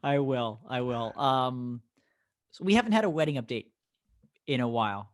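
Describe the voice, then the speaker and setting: American male co-host, average pitch, casual and emphatic podcast chat. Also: expressive, moderate pace. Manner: enthusiastic, emphatic.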